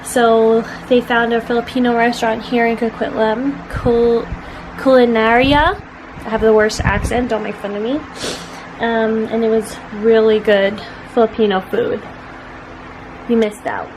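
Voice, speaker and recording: A woman's voice: a little high, flat delivery, unhurried. A young Canadian woman vlogging in a casual, rambling way with lots of fillers. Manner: chatty, rambling with many fillers. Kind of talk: casual vlog chat. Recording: noisy background.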